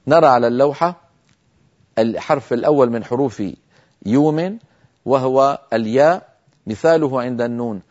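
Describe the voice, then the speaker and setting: Calm and methodical, a man with a mid-range voice explains recitation rules in a televised lesson and demonstrates each one slowly, drawing out the nasal sounds. The sound is muffled broadcast audio.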